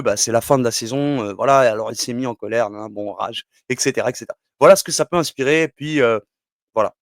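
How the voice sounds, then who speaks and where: A man talks through his material in a loose, rambling way, full of fillers, restarts and asides to the listener. His voice sits at an ordinary middle pitch. The sound is dry and close, with no room behind it. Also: no echo. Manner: rambling, many fillers and asides, switches between tu and vous. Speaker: religious numerology teacher. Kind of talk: casual explanatory talk.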